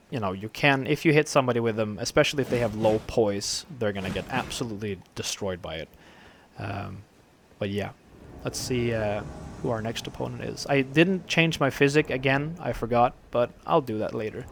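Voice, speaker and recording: Male gamer narrating duels, gravelly from a dry throat, loose and rambling, slight background noise. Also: mid-range voice, normal speed. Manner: rambling, relaxed, many fillers. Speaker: gameplay commentator. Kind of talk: casual game commentary.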